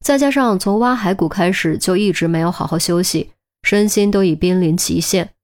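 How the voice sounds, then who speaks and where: A woman narrating a crime audiobook at an even storytelling pace. Her voice sits a little low for a woman. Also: normal speed.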